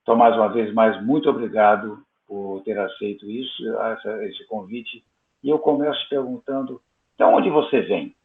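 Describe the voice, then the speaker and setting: A man hosting a conversational interview, speaking in a measured, deliberate way with pauses. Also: on the low side. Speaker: host. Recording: tinny phone-like line.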